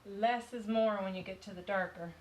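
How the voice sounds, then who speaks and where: A woman's voice: mid-range voice, steady tone, moderate pace, a little mellow, slight background noise, poor audio. A woman with a Southern US accent teaching a live-stream painting tutorial, chatty and loose, talking through each step as she works. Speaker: painting instructor. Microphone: phone on live stream.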